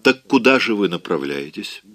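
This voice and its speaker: A man's voice: lowish voice, sing-song, moderate pace, sharp tone, soft background music, heavily acted. A man voicing a self-assured, blunt man in an audiobook, speaking firmly. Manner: firm, commanding. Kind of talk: audiobook reading.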